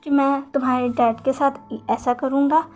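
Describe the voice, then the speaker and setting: Storytelling read-aloud: woman doing a flustered young dad, gentle and halting, pitched high. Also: fairly even intonation, close to an everyday voice. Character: young adult man, gentle, flustered father.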